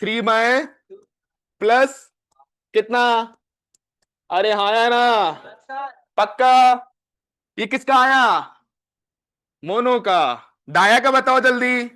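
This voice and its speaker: A male physics teacher with an Indian accent, lecturing a live class and quizzing students with quick questions. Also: extremely high pitch, pushed and bright, clear, resonant tone. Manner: dictates questions slowly, word by word.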